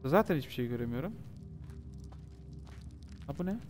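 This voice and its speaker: At a normal speed and medium pitch, a man livestreams himself playing a horror game, with faint music behind him. He jokes around, swears freely and chats excitedly with viewers, in typical gaming-streamer style.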